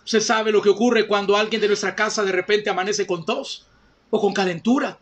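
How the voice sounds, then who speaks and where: Male pastor, very high voice, fervent sermon delivery addressing the congregation directly. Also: fairly even intonation, a little fast. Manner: fervent preaching, addresses listeners as brothers and sisters.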